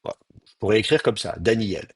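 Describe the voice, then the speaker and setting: A man lecturing a class, explaining step by step and often pausing on fillers as he sounds out words. His voice is a little husky and swings widely in pitch. The sound is close and dry. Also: sing-song, dry recording. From France. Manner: explains patiently, hesitant fillers, demonstrates pronunciations aloud. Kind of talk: university lecture.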